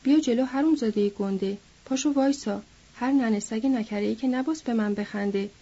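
A woman's voice: a little high, dark tone, husky, highs cut off. A woman voicing an angry, picky young ranch man in a read-aloud story, in snapping, scornful lines. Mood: furious.

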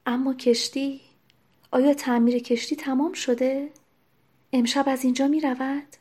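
A woman voicing an anxious, caring young noblewoman who speaks in a hushed, urgent way. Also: sits high, little pitch movement, husky.

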